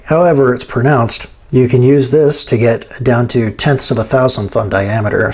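A man's voice: mid-range voice, a little mellow, breathy edge. A man hosting a machining tutorial, explaining hands-on steps in an informal, folksy way. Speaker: host of a machining how-to channel. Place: home machine shop, indoors at a lathe.

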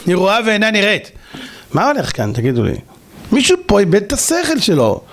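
Male rabbi preacher: high-pitched, very animated, mocking, full of rhetorical questions. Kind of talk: sermon.

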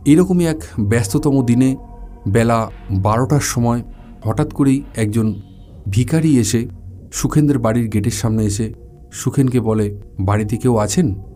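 A man narrating a first-person ghost story in a relaxed, conversational way, slipping in English words, with faint music behind. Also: medium pitch, unhurried, pauses often.

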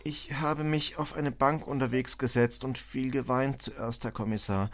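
A man voicing a distraught middle-aged female refugee cleaner who speaks halting, broken German with a Balkan accent, stammering and tearful. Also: fairly high pitch, a bit bright, dull audio, voice pushed up. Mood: shaken. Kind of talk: audiobook reading.

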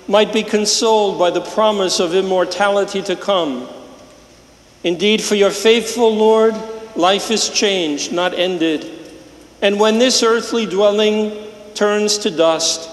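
A man serving as priest at Mass, intoning liturgical prayers in a measured, solemn way, with the sound of a cathedral echo. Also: sits high. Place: large church. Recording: roomy church with long reverb.

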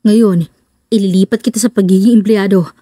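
A protective young husband and company boss speaks low and firm, as a woman narrator puts him on. The voice is mellow and dry, with a slightly lowered pitch. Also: fairly even intonation, moderate pace, husky, no echo, natural voice. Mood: stern. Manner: firm, commanding.

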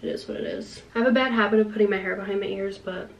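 Talking rapid-fire in a mid-range voice with fairly even intonation, a twenty-something woman from Long Island, USA, chats casually to camera as a vlogger. Her Long Island American accent comes through, as do frequent "like" fillers, in lo-fi sound captured from a distance. She's at home, first in a small indoor room and later in the kitchen.

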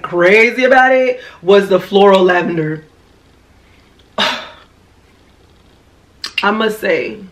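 Lively Haitian woman reviewing perfumes. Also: mid-range voice. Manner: animated and slangy, with a lot of "you know what I mean". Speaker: beauty vlogger. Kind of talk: casual product review.

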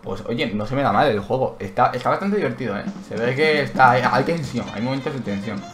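Excitable man playing a game. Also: medium pitch, a little fast, slight background noise. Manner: excitable, yelps and cries out when hit; thinks aloud, reads menu text aloud. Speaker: gaming channel host. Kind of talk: Let's Play commentary. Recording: roomy echo with game music behind.

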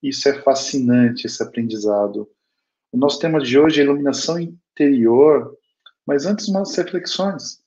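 A man in his thirties with a Brazilian accent gives an informal spiritual lecture over a video call, explaining things conversationally from a small home room lined with bookshelves. His voice is mid-range and a little mellow, and the call audio sounds dull and lo-fi.

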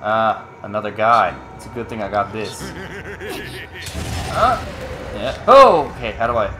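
A man giving casual, excitable commentary while playing a game and swearing when panicked. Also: on the low side, unhurried. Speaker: let's play gamer. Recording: loud game music behind the voice.

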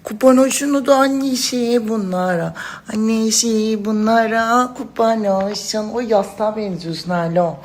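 A woman's voice: a little high, fairly even intonation, unhurried, slight background noise. A woman talking to her followers in casual phone story clips, dramatic and gushing, calling them princesses and girls. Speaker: social media personality.

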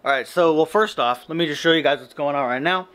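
A man in his thirties records a late-night vlog in a small hotel room, holding the camera close to his face. His voice sits a little high, and he drags through sleepy, rambling sentences full of ums. A faint background hum runs under the recording. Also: a bit bright. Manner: slow, tired, rambling with many fillers. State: very tired. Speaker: vlogger. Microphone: handheld camera close to face.

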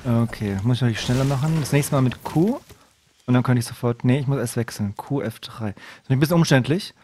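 A man streaming a game live, chatting to viewers and breaking into excited shouts, dropping to a hushed mutter when he sneaks. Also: medium pitch, fairly quick, no room sound. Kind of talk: live gameplay commentary. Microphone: desk microphone.

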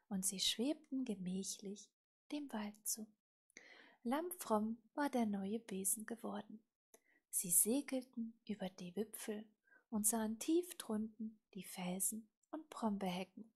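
A woman narrating a children's storybook slowly and softly, often near a whisper. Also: on the high side. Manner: slow, soft and breathy, often near a whisper. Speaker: audiobook reader.

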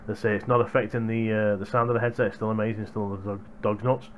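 Low-pitched young man, noisy headset mic. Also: little pitch movement, fast. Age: young adult. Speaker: gaming hardware reviewer. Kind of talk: casual vlog chat to viewers. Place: small room at home, indoors. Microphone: headset boom microphone. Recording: noisy gaming headset microphone.

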